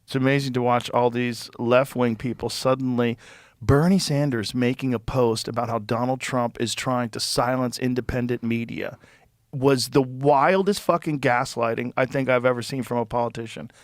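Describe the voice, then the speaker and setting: A man hosting a podcast in casual conversation, animated and profane, who often mocks people in exaggerated voices. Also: medium pitch, normal speed, dry recording, studio quality. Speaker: podcast host.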